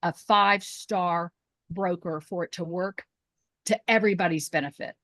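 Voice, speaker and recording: A woman's voice: fairly low pitch, normal speed, a bit bright, no echo. Woman, real estate pro, casual podcast chat, emphatic, dry close sound.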